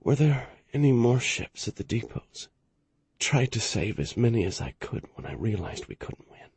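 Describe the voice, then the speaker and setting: A man reading an audiobook, voicing a gravely burned, dying old male fleet admiral in a weak, fading whisper. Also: on the low side, moderate pace, dark tone, no room sound. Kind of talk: audiobook narration.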